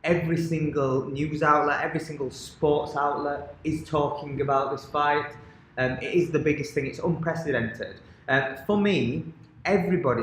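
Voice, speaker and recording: A man's voice: on the high side, slight background noise. Man, podcast co-host, rambling casual chat, heavy room echo. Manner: enthusiastic, filler-heavy rambling. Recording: very echoey room, faint ambience.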